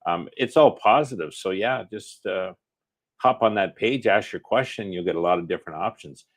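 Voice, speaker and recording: A man's voice: sits low, normal speed. A man co-hosting a casual livestream, reading out viewer comments in a chatty, offhand way with lots of fillers.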